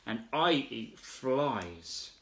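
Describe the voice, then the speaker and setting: A man voicing a brash, boastful male frog who shouts his questions in a children's storybook reading. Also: mid-range voice, measured pace. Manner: shouting, bold.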